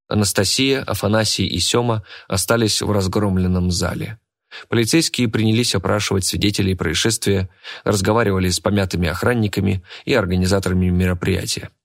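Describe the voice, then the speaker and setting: A man narrating an adventure audiobook in a steady, expressive reading. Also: low-pitched, no echo, studio quality.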